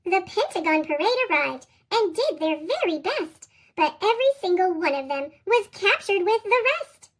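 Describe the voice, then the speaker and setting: A storybook reader whose voice runs through a chipmunk effect, squeaky and sky-high. The reading hops up and down in a lively sing-song and bounces through rhyming verse. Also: normal speed, hardly any pauses. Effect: sped-up, high chipmunk-style pitch shift. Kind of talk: reading picture books aloud.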